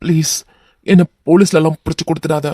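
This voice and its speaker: A man's voice: sits high, fairly even intonation, moderate pace, mellow, no echo, studio quality, natural voice. A man voicing a cowardly young crook who keeps begging not to be handed to the police, with a Kanyakumari Tamil accent, in a cartoon. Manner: whimpering, pleading.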